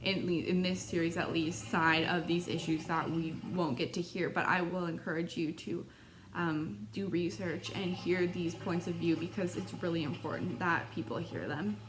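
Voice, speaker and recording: This is a woman with a slightly low voice narrating her own project. She speaks earnestly and thoughtfully, and "like" keeps slipping into her sentences. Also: steady tone, normal speed. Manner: thoughtful, uses fillers like "like". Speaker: student interviewer.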